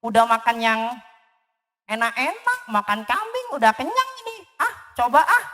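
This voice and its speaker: A woman voicing a small, quick and helpful mouse in a high, squeaky voice for a children's story. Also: very animated, sharp tone. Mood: cheerful. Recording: long hall reverb.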